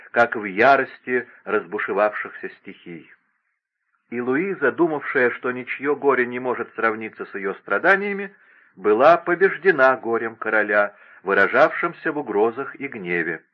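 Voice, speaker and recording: A male narrator reading a classic novel aloud, in a measured, expressive way. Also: medium pitch, phone-quality sound.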